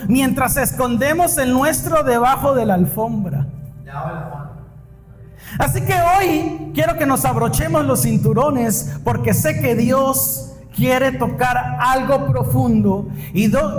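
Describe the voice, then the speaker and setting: High-voiced man preaching slowly in a hall. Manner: emphatic, building to shouted peaks. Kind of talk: sermon, dramatic storytelling. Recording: echoey hall with music underneath.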